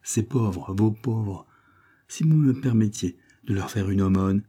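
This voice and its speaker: A man's voice: on the low side, unhurried, mellow, breathy edge. A man reading the lines of a humble young woman singer from a storybook, pleading and earnest.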